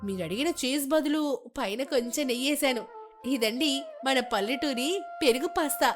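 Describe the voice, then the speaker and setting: A woman's voice: high-pitched, normal speed, faint music behind, lightly acted. A woman voicing a naive, cheerful young daughter-in-law from a village who chatters eagerly.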